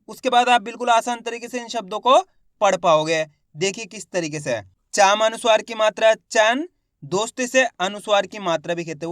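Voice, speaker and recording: A man teaching a step-by-step reading lesson, sounding out syllables slowly and answering his own questions. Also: sits high, fairly bright tone, no room sound, studio quality. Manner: addresses viewers as friends, plain conversational teaching.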